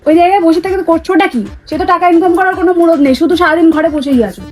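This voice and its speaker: A woman in a comedy sketch scolds and complains in a very high, piercing voice. She talks at a breakneck pace. Music plays clearly behind her. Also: very fast. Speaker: nagging wife in a comedy sketch. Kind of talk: comic sketch acting.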